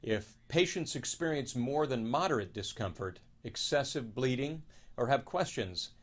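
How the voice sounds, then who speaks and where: A man playing a calm oral surgeon, explaining in measured, formal scripted narration. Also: medium pitch, lightly acted. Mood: measured, explanatory. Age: 50s. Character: calm middle-aged male oral surgeon advising patients. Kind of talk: scripted patient-education narration.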